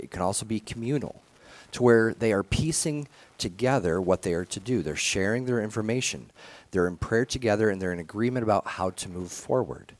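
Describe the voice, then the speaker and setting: A man with a somewhat low voice delivers a conversational sermon as a pastor. He talks earnestly, often restarting phrases and dropping in casual fillers as he teaches. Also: no echo.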